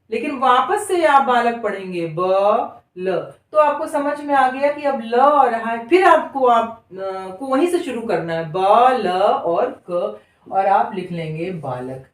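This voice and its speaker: A woman teaching beginners to read Hindi, sounding words out syllable by syllable and drawing them out. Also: high-pitched. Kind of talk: slow spoken lesson. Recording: echoey room, voice from a distance.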